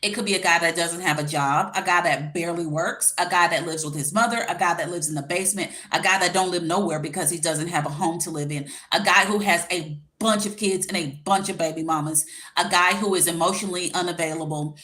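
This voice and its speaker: A woman's voice: lowish voice, fairly even intonation, a little fast, sharp tone. Woman in her forties, slight retainer lisp. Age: 40s. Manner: informal, colloquial, direct address to viewers. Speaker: life coach and YouTube host. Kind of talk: casual livestream chat giving dating advice.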